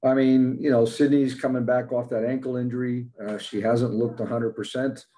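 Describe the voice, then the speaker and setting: An older man, a basketball head coach, answers postgame press conference questions over a video call from a webcam at his desk, sitting indoors in front of a logo backdrop. His mellow voice sits at a medium pitch with little pitch movement and a moderate pace. He's plain-spoken and matter-of-fact, with lots of fillers.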